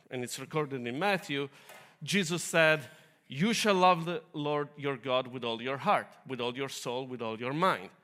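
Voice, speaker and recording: A man's voice: on the high side, a bit bright. Italian-accented man preaching a sermon. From Italy.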